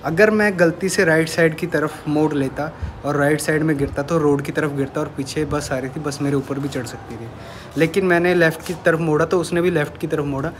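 A man's voice: fairly high pitch, fairly even intonation, a little fast, a little hiss or hum. A young man talking casually to camera in a vlog, chatty, showing viewers things around his home. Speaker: vlogger. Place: at home, indoors and by a parked bike.

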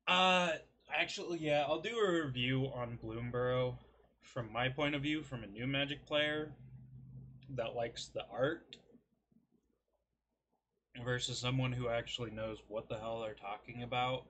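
A man's voice: medium pitch, measured pace, a bit bright, slight background noise. A man in his early twenties rambling casually to a desk webcam in a small bedroom, joking and mocking himself as he reviews food. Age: 20s. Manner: self-deprecating, rambling, joking. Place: small cluttered bedroom, indoors.

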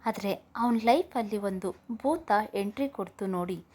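A woman's voice: medium pitch, measured pace, warm tone, slightly rough. A woman voicing a young man, a loyal and caring friend who talks earnestly in a storybook reading. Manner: earnest, pleading.

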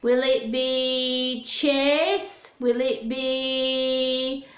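This woman, in her fifties, has a high, fairly bright voice with little pitch movement, and she speaks extremely slowly. She's hosting story time for small children, using simple, sing-song phrasing and questions. Recorded in a small home room, the sound is echoey and roomy.

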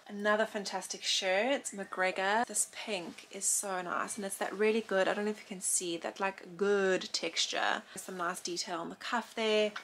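A chatty woman in her thirties talks straight to a camera held at arm's length, showing off her finds with easy enthusiasm. Her voice sits at a middling pitch. A faint hum of street or boat noise sits behind her. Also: fairly bright tone. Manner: chatty, enthusiastic show-and-tell. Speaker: vlogger. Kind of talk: casual vlog chat to camera. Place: outdoors on a town street, then inside a small boat cabin. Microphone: handheld camera at arm's length.

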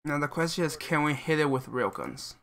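A man's voice: a little high, animated, a little fast, gravelly, a bit bright, slight background noise. Chatty man streaming a game. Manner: chatty, laughs often, talks to viewers. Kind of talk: casual live-stream chat while playing.

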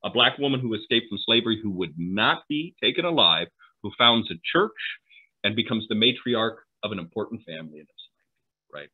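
A man's voice: on the low side, lively intonation, brisk, husky. A middle-aged man giving an online history lecture from home on a video call, talking conversationally with asides and tag questions. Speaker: historian presenting a talk. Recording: phone-like narrow audio.

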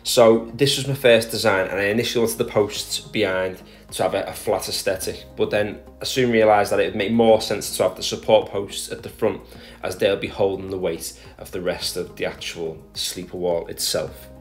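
With soft background music underneath, a man who makes garden DIY videos explains the steps of his garden project in a voice-over. He's fairly low-pitched, steady in tone and moderate in pace, speaking plainly and methodically with small restarts.

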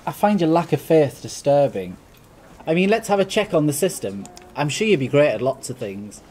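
A man's voice: a little high, big pitch swings, moderate pace, darkish tone, a little hiss or hum. A man playing a polite, reassuring college careers adviser in a comic parody film, courteous and unfazed. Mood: encouraging.

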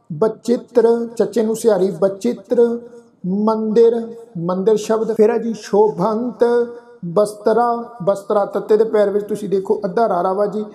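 A man teaching how to pronounce scripture. He patiently spells out each letter and vowel sign, then recites each verse line slowly and drawn out. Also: high voice, steady tone, mellow. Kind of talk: pronunciation lesson with slow chanted recitation.

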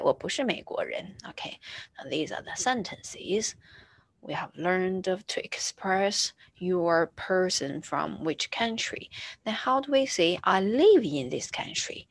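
A woman teaching a beginner Chinese lesson, patiently repeating each word slowly as she explains. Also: fairly low pitch, animated, slightly rough, no room sound. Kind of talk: slow screen-share language lesson.

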